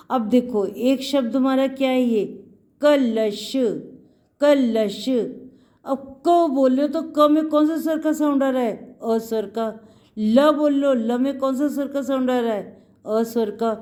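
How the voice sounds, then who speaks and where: A woman's voice: sits high, mellow. A woman giving a patient lesson to young children, sounding out syllables and repeating them for the class. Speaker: Hindi teacher for young children.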